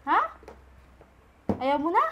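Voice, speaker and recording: Woman, vlogger, high voice, casual chat, repeats questions, coaxing. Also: sing-song, slow, dull audio, heavy background noise. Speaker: charity vlogger visiting an elderly woman.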